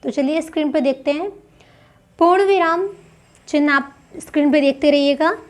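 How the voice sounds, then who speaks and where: A woman's voice: high voice, normal speed. A woman teaching a grammar lesson for exam prep. She explains step by step and asks questions that she then answers herself.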